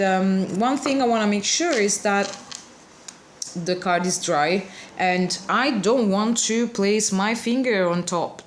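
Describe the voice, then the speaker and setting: A card-altering artist whose first language isn't English gives a casual art tutorial, chatty and apologetic, often searching for words. Her voice is medium-pitched, with a little hiss or hum in the audio.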